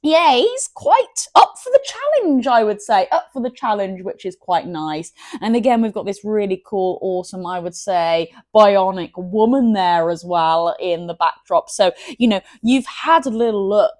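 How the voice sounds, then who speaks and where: A woman's voice: medium pitch, normal speed, few pauses, a little mellow, no room sound, clean studio sound. A woman hosting a gaming channel, chatting enthusiastically about box art and often stumbling over her words. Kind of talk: casual unboxing commentary.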